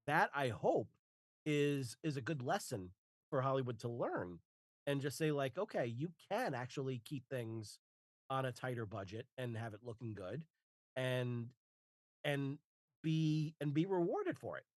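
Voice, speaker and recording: A man in his forties speaks in a casual podcast conversation. His voice sits at a middle pitch and sounds dry, with no room around it. He stops and restarts his phrases and fills the gaps with "uh" and "you know". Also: sing-song, measured pace, dry recording. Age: 40s. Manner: hesitant, restarts phrases with many fillers. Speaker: guest author and narrator.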